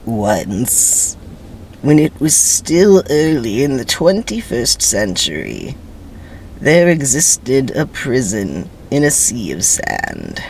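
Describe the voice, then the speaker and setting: A man's voice: medium pitch, huge pitch swings, slow, vocal fry, slight background noise, heavily acted, low-quality recording. A man doing an elderly narrator's voice. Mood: grave. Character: elderly storybook narrator, grave and solemn.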